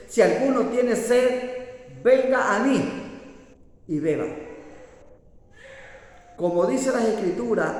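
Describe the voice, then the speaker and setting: A man's voice: sits high, darkish tone. A man pastor preaching a sermon, scolding and emphatic, often breaking in with hallelujahs. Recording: echoey hall reverb.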